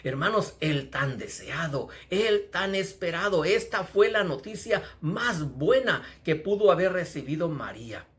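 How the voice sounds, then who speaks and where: A man's voice: a little high, lively intonation, unhurried, hardly any pauses, a bit bright. A man preaching a sermon with fervent emphasis, calling his listeners "brothers" again and again.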